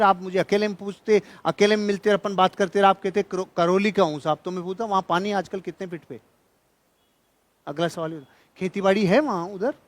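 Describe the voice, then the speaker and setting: Giving a motivational seminar talk full of anecdotes and humour, a high-pitched male speaker and trainer tells stories in a joking, colloquial manner. He is emphatic and repeats key phrases for effect.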